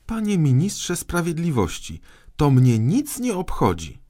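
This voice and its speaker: An indignant young boy king blurts out high, raised lines in a storybook reading, as a man puts him on. He is stubborn and impatient, snapping at his ministers and stretching his words across a wide, jumpy melody. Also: huge pitch swings, a little slow, exaggerated voice. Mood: exasperated. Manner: shouting impatient outbursts.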